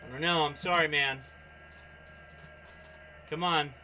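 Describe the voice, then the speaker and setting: Operating his radio on a laid-back ham radio livestream, this host keeps up excitable running commentary and chat, reacting out loud and calling viewers and contacts by name. His slightly high voice is bright and forceful, his pace slow, with faint noise in the background.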